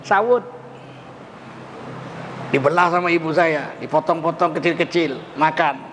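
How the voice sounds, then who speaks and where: Older man, sermon, high-pitched voice, animated storyteller, long hall reverb, faint background hiss. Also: normal speed. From Indonesia. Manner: animated storytelling with quoted dialogue. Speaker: preacher.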